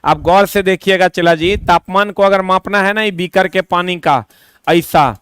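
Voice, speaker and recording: A man teaching an online exam-prep lesson, chatty and repetitive, with quick asides to his students. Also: sits high, fairly bright tone, clean tone, dry recording.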